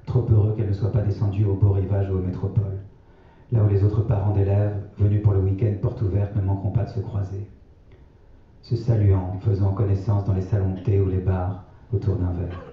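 A man reading his own novel aloud in a measured, sober way. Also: low voice, monotone. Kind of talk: literary reading. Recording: echoey, distant, slightly dull.

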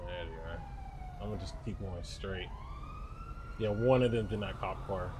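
A young man giving nervous, excitable commentary while playing a game, yelling when chased. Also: sits low, normal speed, heavy background noise. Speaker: gaming YouTuber.

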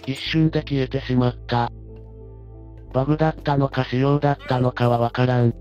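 A man's voice: medium pitch, steady tone, brisk, a little mellow, close to an everyday voice. A man voicing a stubborn old grandpa gamer who talks in old-fashioned elderly speech endings. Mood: rueful. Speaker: co-player. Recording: dull lo-fi sound with faint music.

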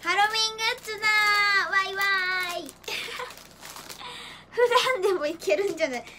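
A teenage woman chatting casually on a livestream, excitable and giggly, with playful gyaru-style slang and silly sound effects. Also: very high-pitched, normal speed. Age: teens. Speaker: idol livestreamer. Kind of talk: casual livestream chat, showing gifts. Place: small decorated room indoors. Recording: faint background noise.

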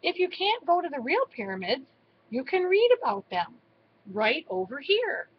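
A woman's voice: sits high, big pitch swings, moderate pace, highs cut off, a little hiss or hum, pitched above the performer's own voice. A woman voicing a shy, careful young male mouse in a storybook reading, speaking hesitantly. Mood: explaining.

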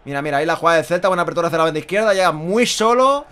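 A man's voice: on the high side, lively intonation, rapid-fire, fairly bright tone, smooth. A man in his thirties with an accent from Spain gives live Spanish football goal commentary as a fan, emphatic, repetitive and exclaiming. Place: small indoor room at home.

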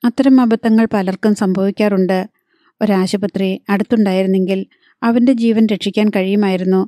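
A woman reading a novel aloud as an audiobook narrator in a measured, even storytelling manner, close to the mic. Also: medium pitch, dry recording.

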